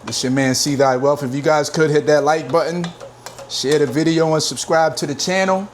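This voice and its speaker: A man casually talking through cooking his dinner in a home kitchen, laid-back and chatty with drawn-out emphatic phrases. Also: fairly high pitch, steady tone, a little hiss or hum. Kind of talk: casual cooking vlog chat. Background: frying and stirring sounds.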